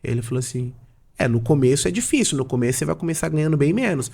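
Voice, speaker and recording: A Brazilian man with a somewhat high voice and a gravelly edge tells his own story. He plays out every exchange with casual slang and quoted back-and-forth. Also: quick pace. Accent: Brazilian Portuguese. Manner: acts out both sides of conversations, lively slang. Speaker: podcast guest, pastor and businessman. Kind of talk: animated storytelling with quoted dialogue.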